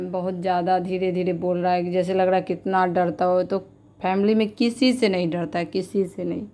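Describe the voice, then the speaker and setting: A woman's voice: mid-range voice, a little mellow, clear, resonant tone. A woman vlogger in her thirties talking casually and with feeling, often repeating herself. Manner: chatty, repetitive, heartfelt. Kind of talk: casual vlog narration.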